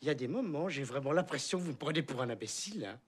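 A man's voice: mid-range voice, lively intonation, rapid-fire, a little hiss or hum, lightly acted. An actor playing a naive, eager man who is easily confused and talks earnestly. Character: naive, eager, slow-witted middle-aged man.

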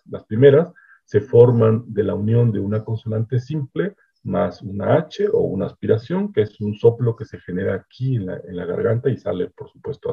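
A man giving a measured academic lecture, often checking in with his listeners. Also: on the low side, creaky, husky. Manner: explanatory, measured, frequent "¿no?" checks. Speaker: linguistics researcher giving a lecture. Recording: dull lo-fi online talk audio.

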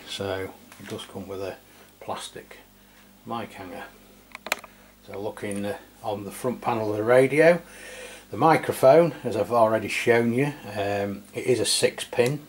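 A little slow and lowish in pitch, this middle-aged English radio reviewer offers an unscripted, relaxed product review. He comes across as hesitant and matter-of-fact. Behind him are room ambience and steady background noise from an indoor tabletop setting.

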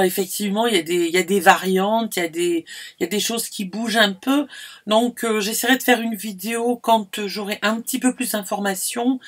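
A middle-aged French woman vlogging casually from inside her camper van, rambling with many fillers and restarts. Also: mid-range voice. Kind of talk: casual chat to camera.

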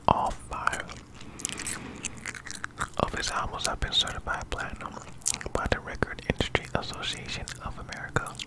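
A young man reads facts in a soft, breath-only whisper for ASMR. He is very close to the microphone in a small room and chews gum as he goes. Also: poor audio. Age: young adult. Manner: chewing gum while whispering; soft, unvoiced whisper throughout. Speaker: ASMR video host. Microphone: close condenser microphone with furry windscreen.

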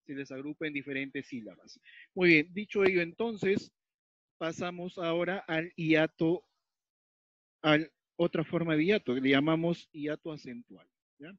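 Fairly high-voiced teacher checking in often. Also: male voice, a little slow, fairly bright tone. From Peru. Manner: explains step by step, repeats key points, checks in with frequent "¿ya?". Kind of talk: recorded grammar lesson. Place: at a whiteboard or tablet, writing as he talks. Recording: dull lo-fi dry recording.

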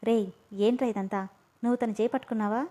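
A woman's voice: on the high side, fairly even intonation, quick pace, warm tone, natural voice. A woman voicing an irritable young man who talks in a curt, brusque way. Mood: irritated.

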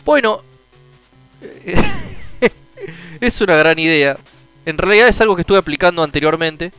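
A young man with a Rioplatense Spanish accent giving casual commentary on a retro game, frustrated, swearing often and bursting into shouts. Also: a little high, animated, measured pace, smooth, faint music behind, rough recording. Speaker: gameplay streamer.

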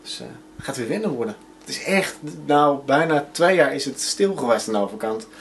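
A man's voice: mid-range voice, animated, brisk, slight background noise. Young Dutch-speaking man vlogging on the go. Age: young adult. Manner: rambling, many fillers, self-filming while walking and travelling. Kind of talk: casual vlog chat. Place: attic room, then city streets, lobby and train. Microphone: handheld camera at arm's length.

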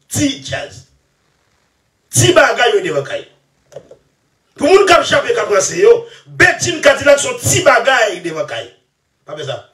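A man talking in a rambling, excitable way, laughing often and trailing off into mumbles. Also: high-pitched. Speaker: musician interviewee. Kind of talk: animated rambling interview talk. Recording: echoey room, far from mic.

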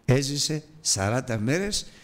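A man's voice: mid-range voice, big pitch swings. An older man preaching a Bible lesson, telling a personal story and acting out the voices in it. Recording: long reverb from a large hall.

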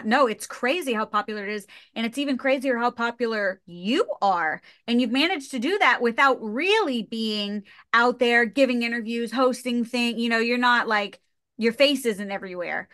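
Upbeat woman host in her 30s; bright, fairly high voice on a dry video call. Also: dry recording. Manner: upbeat, enthusiastic. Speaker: podcast host. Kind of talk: podcast interview. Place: small studio room.

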